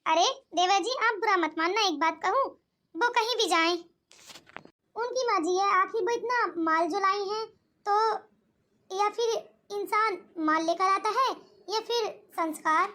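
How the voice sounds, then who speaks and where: A woman doing a meek, squeaky young daughter-in-law. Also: measured pace, exaggerated voice. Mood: earnest. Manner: polite, soft-spoken and deferential. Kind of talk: cartoon voice acting.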